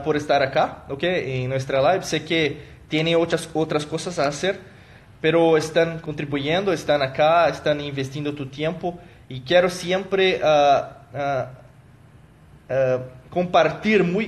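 A motivational coach whose native language is Portuguese hosts a live stream, speaking haltingly with many fillers and restarts while thanking viewers by name. His voice is a little high.

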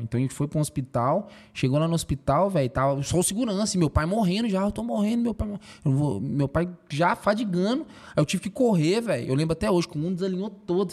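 A young man, a podcast guest telling a personal story in an emotional, animated way with lots of slang fillers. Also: a little high.

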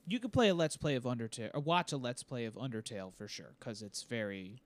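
A man's voice: medium pitch, expressive, fast, dry recording. A young adult man co-hosting a casual gaming podcast, talking in a rambling, self-deprecating, jokey way. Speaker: podcast co-host.

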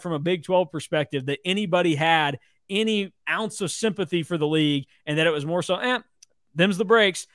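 A man's voice: high voice, a bit bright, no room sound, clean studio sound. A man co-hosting a sports talk podcast, making an impassioned, argumentative case and mimicking others' reactions.

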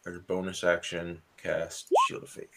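A man's voice: low voice, completely flat delivery, normal speed, background noise. A man chatting casually as a player in a tabletop game, thinking aloud a little hesitantly.

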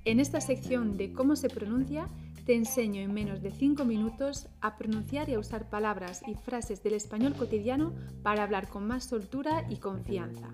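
A woman teaching a short podcast pronunciation lesson, modeling words slowly and deliberately, syllable by syllable. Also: a little high, music in the background.

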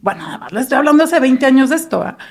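A woman's voice: high voice, sing-song, racing, a little mellow, a little hiss or hum. A woman in her forties with a Mexican accent, animatedly telling a story in a casual chat, laughing and acting out the voices. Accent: Mexican Spanish.

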